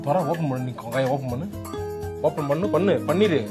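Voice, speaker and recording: A young man acting in a comedy sketch, talking in an exasperated, rambling way with sudden loud outbursts. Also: on the high side, expressive, fairly quick. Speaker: comic sketch actor playing a father. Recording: background music under the voice. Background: background music.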